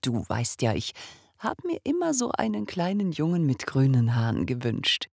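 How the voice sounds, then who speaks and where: A woman voicing an excitable male water sprite, a new father who breaks into high cries. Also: normal speed, creaky, husky, no room sound, studio quality, heavily acted. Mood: eager.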